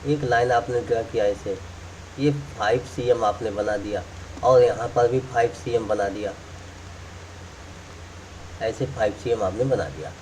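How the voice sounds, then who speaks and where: A man's voice: fairly low pitch, unhurried, long pauses, a little mellow, recorded from a distance, slight background noise. A man teaching math, explaining step by step while drawing and repeating key points. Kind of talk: classroom explanation.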